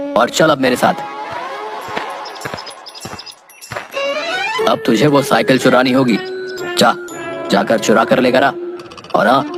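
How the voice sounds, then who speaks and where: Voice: medium pitch, natural voice. A voice actor playing a smug, boastful male master thief who bosses and lectures his clumsy apprentice in a cartoon. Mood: bossy. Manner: bossy, lecturing, scolding. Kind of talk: cartoon voice acting.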